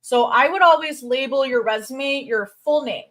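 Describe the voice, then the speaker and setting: A crypto recruiter from Chicago keeps a livestream light and chatty as she goes through viewer comments. Bright and high-pitched, she's bubbly throughout, with plenty of fillers and rapid side remarks.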